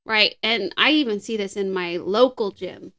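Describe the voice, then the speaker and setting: A woman's voice: medium pitch, moderate pace, pushed and bright. A woman co-hosting a casual podcast, upbeat and explaining exercise tips. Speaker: podcast co-host.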